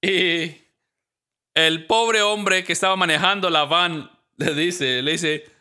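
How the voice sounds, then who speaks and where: Bright, animated man preaching a sermon. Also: a little high, slow pace, smooth. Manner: animated storytelling, acting out quoted voices. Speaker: pastor.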